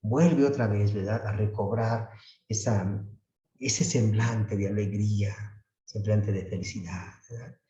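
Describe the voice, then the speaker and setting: A man's voice: steady tone, measured pace, mellow. Male priest, homily delivery, conversational tag questions; distant, dull, roomy church recording. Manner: peppers phrases with tag questions, acts out complaints in a high voice. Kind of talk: sermon.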